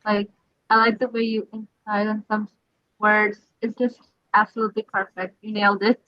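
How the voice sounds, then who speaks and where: A woman's voice: medium pitch, level tone, moderate pace, no echo, lo-fi sound. A woman gushing enthusiastic praise for a poem reading in casual chat.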